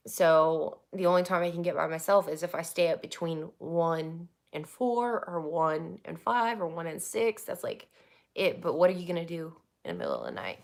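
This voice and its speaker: Young woman, lowish voice, loose rambling vlog chat with casual swearing. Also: expressive, moderate pace, vocal fry. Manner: rambling, swears freely, laughs often. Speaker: YouTuber.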